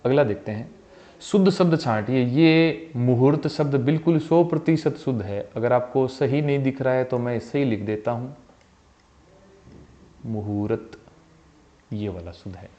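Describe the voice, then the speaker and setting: Man, Hindi teacher, exam-prep spelling lesson, repeats each word, trailing soft phrase endings, mid pitch, muffled lo-fi audio. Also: measured pace. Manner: explanatory, repeats each word and its correct form; calls viewers "bhai", asks them questions. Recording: slightly dull, lo-fi sound.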